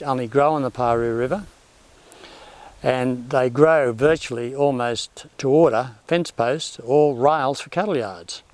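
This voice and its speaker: Older male, Australian. Bush storyteller, laconic outback drawl, mid-pitched, halting and unscripted. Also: a little mellow, smooth. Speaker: former outback station worker telling bush yarns.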